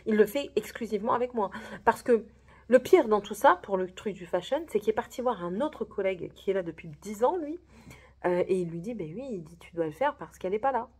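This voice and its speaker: A young woman with a husky voice, telling a story about her coworker in a casual vlog, full of quoted dialogue. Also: medium pitch, brisk. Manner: animated, retelling a workplace story with quoted dialogue. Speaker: vlogger.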